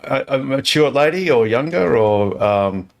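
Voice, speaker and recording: A man of medium pitch hosts a relaxed club chat from home over a video call. He rambles along with plenty of fillers and restarts. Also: unhurried, gravelly. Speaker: club host answering questions. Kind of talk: casual group chat. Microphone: video call over satellite internet.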